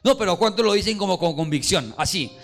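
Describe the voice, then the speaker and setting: A man with a Colombian accent preaching a sermon, telling stories with lively emphasis and having the congregation repeat phrases to each other. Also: high voice, fast talker, faint music behind. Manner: animated storytelling, calls on congregation to repeat. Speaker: pastor.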